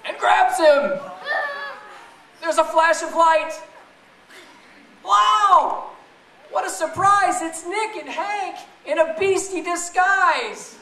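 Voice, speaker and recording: Taking it slowly with long pauses, a man reads to families in a very high-pitched, pushed and bright voice. The children's book reader and blogger is playful and theatrical, regularly posing questions to his listeners. The school event takes place in a large, echoey, noisy indoor room, captured by a distant mic.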